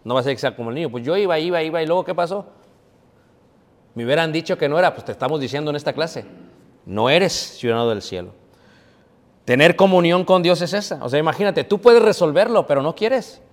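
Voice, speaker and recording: Preacher, slightly high voice, echoing hall. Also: male voice, animated, fast talker. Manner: conversational, asks the audience rhetorical questions. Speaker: preacher teaching a Bible class. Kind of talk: sermon. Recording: long reverb of a hall.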